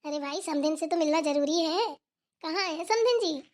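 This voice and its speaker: Woman doing a sweet talkative cartoon amma, high voice, laughs a lot. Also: normal speed. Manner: affectionate, laughs easily. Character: warm chatty village mother visiting daughter. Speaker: visiting mother. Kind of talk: cartoon voice acting.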